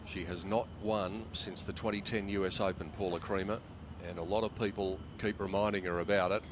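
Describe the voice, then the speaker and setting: A man commentating live on golf for television, with measured, dramatic storytelling phrasing. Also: sits low, steady tone. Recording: music and crowd noise behind. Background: music and outdoor tournament crowd.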